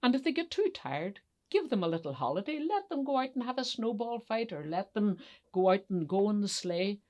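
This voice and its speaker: A woman voicing a fed-up but kindly old male Santa, speaking emphatically with drawn-out words in a children's story. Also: mid-range voice, very animated, darkish tone, pitched above the performer's own voice, natural voice. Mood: emphatic, kindly.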